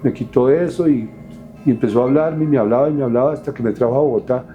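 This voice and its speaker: A middle-aged man, recounting his past as an interview guest in a halting, emotional way with many restarts. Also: mid-range voice, dull audio, soft background music. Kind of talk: personal testimony in an interview.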